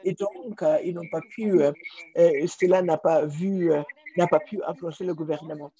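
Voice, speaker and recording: A man giving simultaneous interpretation of a panel discussion, halting, with frequent restarts and repeated words. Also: fairly high pitch, steady tone, mellow, breathy edge, rough recording. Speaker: conference interpreter.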